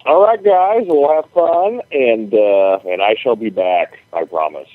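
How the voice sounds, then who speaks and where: A man's voice: mid-range voice, animated, unhurried. A man co-hosting over a phone line, chatting casually in a hesitant, easygoing way. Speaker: show co-host calling in. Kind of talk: casual chat. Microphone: phone call. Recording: narrow, tinny phone line.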